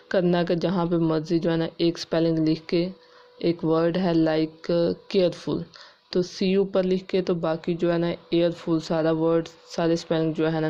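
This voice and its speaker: A woman English teacher explaining grammar rules step by step, spelling words out letter by letter and reading English rules slowly and carefully. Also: lowish voice, warm tone, lo-fi sound. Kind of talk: classroom-style grammar lesson.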